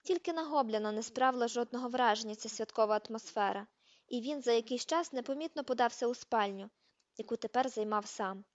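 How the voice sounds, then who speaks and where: A woman narrating an amateur audiobook, steady reading that even includes page numbers. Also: fairly high pitch, fairly quick, no echo, muffled recording. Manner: reads page numbers aloud. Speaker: audiobook reader.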